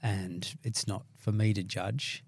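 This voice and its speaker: A man with a croaky voice co-hosting a podcast, chatting casually and thinking aloud with some hesitation. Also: lowish voice, steady tone, takes it slowly. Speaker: podcast co-host. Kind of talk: casual conversational podcast chat.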